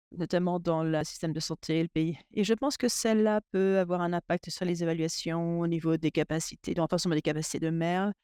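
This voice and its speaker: A man interpreting a webinar panel discussion into French in real time, halting and often restarting his sentences. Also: high-pitched, a little mellow, clear, resonant tone, no room sound, clean studio sound. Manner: halting, with frequent restarts and fillers. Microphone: remote webinar audio.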